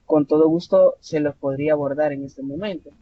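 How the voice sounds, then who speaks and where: Here a Salvadoran tutor talks briskly in a higher-than-average voice with fairly even intonation, leading an online class. Patient but prone to fillers and frequent self-corrections, he has a Salvadoran Spanish accent. Faint noise runs under the dull, lo-fi recording.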